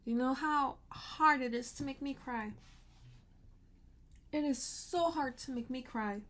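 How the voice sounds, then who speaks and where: Slow-talking, fed-up woman venting. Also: sits high, a bit bright. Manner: frustrated, emotional, swears often. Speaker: vlogger. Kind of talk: venting storytime vlog.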